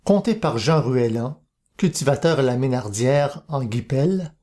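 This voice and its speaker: Man with a mellow narrating voice. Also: mid-range voice, lively intonation, unhurried. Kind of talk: scripted storybook narration. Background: soft music.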